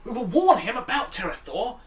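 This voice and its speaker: A woman's voice: on the high side, very animated, a little fast, reverberant, recorded from a distance. A woman voicing an earnest male priest, declaiming solemnly. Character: earnest male priest who hears from God.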